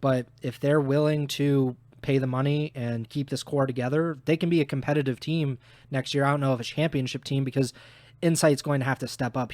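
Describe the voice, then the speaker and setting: A man's voice: mid-range voice, a little mellow, dry recording. A man co-hosting a podcast, giving blunt opinions on esports while losing his voice. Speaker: podcast co-host. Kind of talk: casual esports analysis chat.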